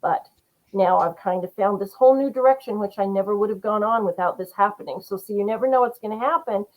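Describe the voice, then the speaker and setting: A woman's voice: medium pitch, fast, darkish tone, rough recording. A middle-aged woman, a guest author on a podcast interview, talking in an earnest, rambling way with lots of fillers. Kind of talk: casual interview chat.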